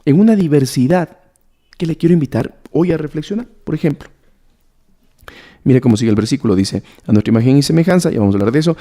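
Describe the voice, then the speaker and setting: Deep-toned questioning preacher man. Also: dark tone. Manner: asks the listeners questions and repeats key words. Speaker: preacher teaching the Bible. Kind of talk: sermon-style Bible teaching.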